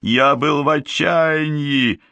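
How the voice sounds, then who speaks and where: A man's voice: on the low side, extremely slow, a bit bright, clear, resonant tone, no room sound, muffled recording, pitched above the performer's own voice. A frightened young prince whines and pleads in a voice pushed well up and strained, as a male audiobook reader puts him on. The sound is dry and close, with no room around it. He sounds desperate rather than commanding. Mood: pleading.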